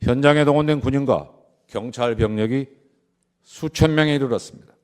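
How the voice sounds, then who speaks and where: Male, medium pitch. Lawyer reading a formal closing statement, grave, measured and emphatic. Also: darkish tone. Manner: solemn, deliberate, emphatic phrasing in short segments. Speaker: lawyer delivering a closing argument. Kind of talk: formal prepared courtroom speech.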